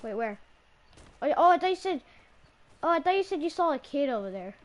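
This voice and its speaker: A young woman chatting casually while playing an online shooter with a friend, excitable and prone to sudden alarmed bursts. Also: sits high, brisk. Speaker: gamer. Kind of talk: casual gaming chat. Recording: noisy home recording.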